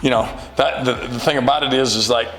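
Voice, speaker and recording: A man in his forties, a high school football coach, answering interview questions in an earnest, rambling way with many fillers. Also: steady tone, brisk, a bit bright, in a large hall, low-quality recording. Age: 40s.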